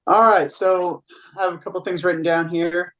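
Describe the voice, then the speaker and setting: A man's voice: high voice, fairly even intonation, normal speed, fairly bright tone, rough recording. A man in his mid-twenties from Missouri, co-hosting a podcast in a casual, laid-back way. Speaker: podcast co-host. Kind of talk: casual interview chat.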